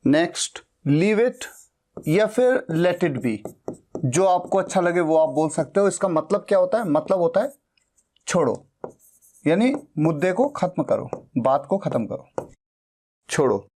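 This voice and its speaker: Woman teaching English phrases, low voice. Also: animated, dark tone. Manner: explains slowly, repeats example sentences aloud. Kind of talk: Hindi-language English lesson.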